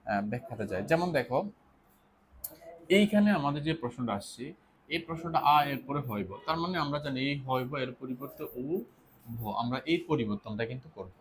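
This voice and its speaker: A man's voice: mid-range voice, a little hiss or hum. A man teaching an exam-prep lesson, explaining step by step, repeating key points and answering his own questions.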